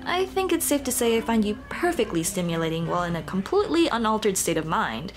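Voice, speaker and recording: In a natural, medium-pitched, sing-song voice, a woman talks fast as a bashful, flustered monster girl in ASMR roleplay. Her speech is nervous, stammering and rambling, yet warm and playful overall, and music plays underneath.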